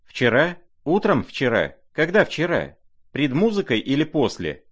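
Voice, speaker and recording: A man's voice: medium pitch, sing-song, moderate pace, pitched above the performer's own voice. A man voicing a proud, impetuous young woman who fires off insistent, jealous questions in a raised voice. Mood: agitated.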